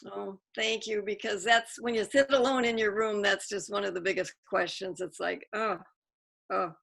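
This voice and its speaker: Woman, author, video call, chatty, gravelly voice. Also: mid-range voice, steady tone, normal speed. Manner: chatty, warm, self-interrupting. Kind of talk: casual Zoom Q&A.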